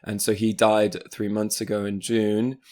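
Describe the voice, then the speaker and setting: Chatty man guest with a lowish voice. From grew up in France. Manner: chatty and animated, with fillers and quick tangents. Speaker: guest, spiritual coach. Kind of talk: casual podcast interview.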